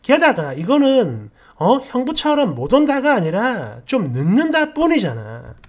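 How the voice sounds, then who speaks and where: A woman narrating a first-person story in an animated, emotive way, often speaking directly to her listeners. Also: a little high, unhurried.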